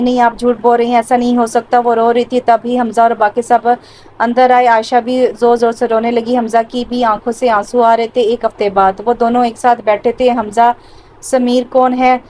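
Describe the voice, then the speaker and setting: A woman's voice: a little high, a little mellow, rough recording. A woman narrating an audio novel, reading all the parts herself in a plain voice with small hesitations. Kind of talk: scripted narration reading every part.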